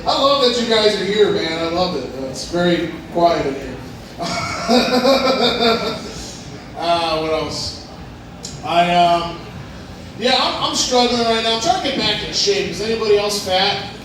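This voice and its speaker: A man's voice: high-pitched, expressive, slow, background noise. A man doing a crude, rambling stand-up set on a club stage, laughing at his own jokes. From Hawaii. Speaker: stand-up comedian. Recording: echoey club from a distance, crowd.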